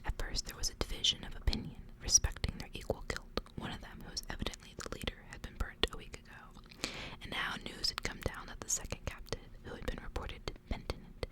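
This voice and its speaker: A woman, an ASMR creator reading to her audience, speaks only in a hushed, unvoiced whisper that stays very quiet from start to finish. The recording quality is poor.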